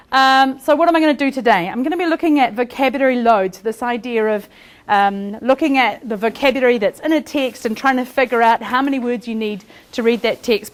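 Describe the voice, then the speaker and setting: A woman from New Zealand with a New Zealand accent, giving a fast-talking, chatty and self-deprecating academic conference presentation in a lecture hall. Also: fairly high pitch. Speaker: conference speaker.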